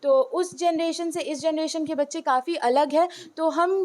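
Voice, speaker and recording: A woman's voice: sits high, fairly even intonation, normal speed, a little mellow. A woman teacher answering interview questions earnestly, switching between Hindi and English with frequent "uh" fillers. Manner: earnest, heartfelt. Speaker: school teacher.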